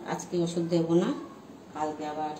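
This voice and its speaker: A woman's voice: low-pitched, flat delivery, moderate pace, far from the mic. A woman chatting casually while tending to her dogs, coaxing and scolding them as she goes. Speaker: vlogger caring for stray dogs. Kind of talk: casual chat with pets. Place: outdoors with dogs. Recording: roomy, off-mic phone audio with loud background noise.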